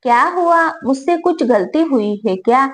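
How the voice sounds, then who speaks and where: A woman voicing a gentle young daughter-in-law who pleads softly in a spoken story. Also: sits high, animated, a little slow. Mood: pleading gentle. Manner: soft, pleading.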